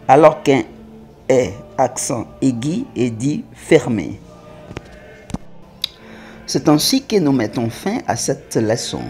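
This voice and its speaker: A man teaching French spelling, reading words slowly and spelling out syllables, with faint music behind him. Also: medium pitch, a little mellow. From Congo (DRC). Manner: spells out syllables, slow and emphatic. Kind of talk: slow, deliberate French reading lesson.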